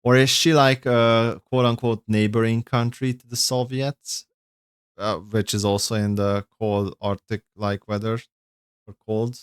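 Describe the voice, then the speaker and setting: A man's voice: on the low side, level tone, unhurried, smooth, no echo. Casual rambling male streamer, dry close mic. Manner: rambling, self-correcting, swears casually. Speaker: streamer reacting to game lore. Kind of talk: casual livestream reaction chat.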